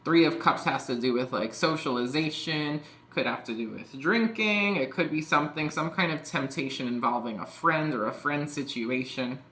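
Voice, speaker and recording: A man's voice: on the high side, moderate pace, few pauses, bright, forceful tone, slight background noise. Chatty man reading tarot, echoey room. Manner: rambling, full of "like" and "you know". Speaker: tarot reader.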